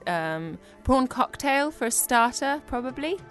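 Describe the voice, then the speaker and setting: A woman's voice: sits high, sing-song, measured pace, faint music behind. A young woman from the UK chatting casually with a friend, laughing often and swearing now and then. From United Kingdom. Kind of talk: casual chat.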